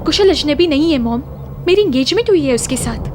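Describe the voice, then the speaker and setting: A woman's voice: high voice, animated, a little fast, background noise. An actress playing a frightened, grieving young woman who suspects her father was murdered, pleading and insistent in a horror TV drama. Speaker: daughter.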